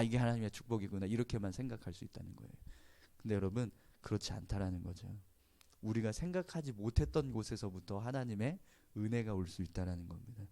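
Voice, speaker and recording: A man's voice: medium pitch, dark tone. Korean male pastor preaching conversationally. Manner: conversational preaching, frequent affirming interjections. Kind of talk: sermon.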